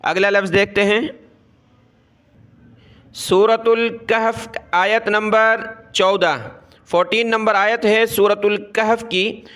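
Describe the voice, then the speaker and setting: A man teaching Quran recitation rules, spelling out letters one by one and chanting the words in long drawn-out tones. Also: high voice, steady tone, fairly bright tone, smooth. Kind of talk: tajweed lesson.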